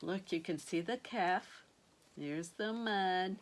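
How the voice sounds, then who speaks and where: A sweet, grandmotherly older woman reads a picture book aloud to children, expressively drawing out key words and adding gentle asides. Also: fairly low pitch, slow pace. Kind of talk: animated read-aloud storytelling with asides to young listeners.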